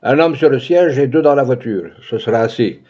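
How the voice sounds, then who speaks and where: A man's voice: mid-range voice, brisk, voice pushed up, natural voice. A man doing a pompous police commissioner. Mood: commanding. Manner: pompous, loud, puffed-up. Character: pot-bellied male police commissioner, self-important. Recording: dull lo-fi recording.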